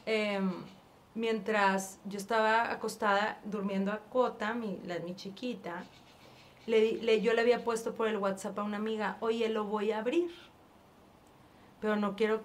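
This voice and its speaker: A woman from northern Mexico with a northern Mexican accent, telling her story as an interview guest in a casual, animated way, acting out past conversations and often restarting her sentences. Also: mid-range voice, slight background noise. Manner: animated, acts out past dialogue, frequent restarts.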